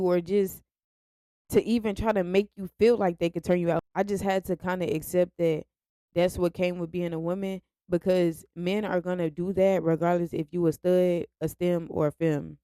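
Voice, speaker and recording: Smooth low-voiced young woman vlogging. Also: fairly even intonation, moderate pace, mellow, no room sound, clean studio sound. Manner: frank and confessional, speaks straight to her viewers. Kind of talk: candid personal vlog monologue.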